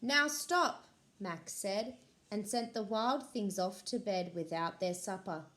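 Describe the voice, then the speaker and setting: A woman reads a picture book aloud to young children in the manner of a school librarian. She takes an unhurried pace and leans into the words expressively. Her voice sits in a natural middle register. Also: medium pitch. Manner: slow, expressive storybook reading.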